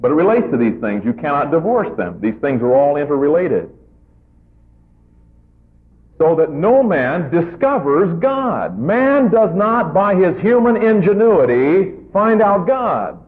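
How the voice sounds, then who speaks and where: Slow emphatic preacher on a tinny recording. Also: male voice, fairly high pitch, very animated. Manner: slow, emphatic teaching with drawn-out stressed words. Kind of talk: sermon. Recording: tinny phone-like old recording.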